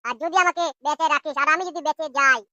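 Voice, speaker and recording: A man's voice: extremely high pitch, fast talker, bright, forceful tone, no room sound, lo-fi sound, pitched above the performer's own voice, full character voice. A man voicing a cocky young male rogue in a comic cartoon, taunting his captor with rhyming threats. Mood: defiant taunting.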